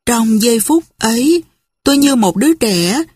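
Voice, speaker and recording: A woman narrating a first-person story, reading softly and without hurry. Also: on the high side, expressive, slightly rough, dry recording, studio quality, soft background music. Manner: slow, soft, unhurried reading.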